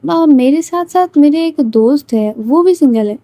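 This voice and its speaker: A woman storyteller doing a cheeky young student girl in a spoken Hindi storybook, light and high, always teasing. The voice sounds warm and close, with no room around it. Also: animated, measured pace, no echo. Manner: playful, teasing.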